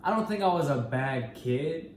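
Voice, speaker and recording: A man's voice: fairly high pitch, lively intonation, normal speed. An American man in his twenties chatting casually and informally as co-host of a couple's Q&A. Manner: informal, slangy. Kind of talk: casual chat. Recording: roomy echo, faint background noise.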